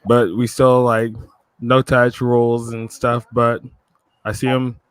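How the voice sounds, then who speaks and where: Man, guest on a call, slow unhurried speech, dry close sound. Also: mid-range voice, little pitch movement, clean tone, no echo, rough recording. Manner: laid-back, short plain sentences. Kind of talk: casual video call chat.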